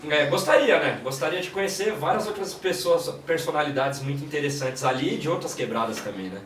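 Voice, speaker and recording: A man with a São Paulo accent, a guest in a casual interview, telling stories in a relaxed way with many "né" fillers. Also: on the high side, brisk. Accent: São Paulo Portuguese. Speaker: guest, creative director and videomaker. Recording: echoey room, distant mic, faint noise.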